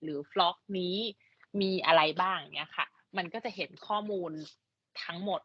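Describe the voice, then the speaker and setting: Fast-talking Thai-native woman interpreting on a video call, somewhat low voice, dry lo-fi call audio. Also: dry recording. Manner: rapid restating and checking of points.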